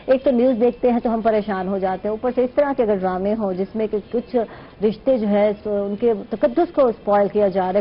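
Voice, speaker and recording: A woman's voice: mid-range voice, muffled recording. A woman hosting a talk show, giving her opinions earnestly with rhetorical questions. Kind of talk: casual talk show conversation.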